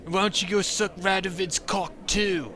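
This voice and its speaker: A man voicing a rowdy, belligerent drunk townsman who slurs and shouts insults. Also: sits high, steady tone, moderate pace, a crowd in the background, pitched above the performer's own voice, lightly acted. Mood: jeering. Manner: slurred shouting, jeering.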